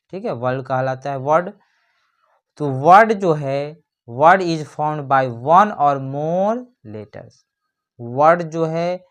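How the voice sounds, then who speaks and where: A grammar teacher giving an explanatory lesson, reading definitions slowly and then explaining them with rhetorical questions. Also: medium pitch.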